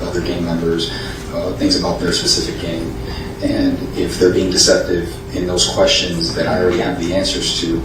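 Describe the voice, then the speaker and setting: An American man giving courtroom testimony as an expert witness, answering formally and politely in a measured, hesitant way. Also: low voice. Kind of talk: courtroom testimony under questioning. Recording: echoey, distant, noisy courtroom audio.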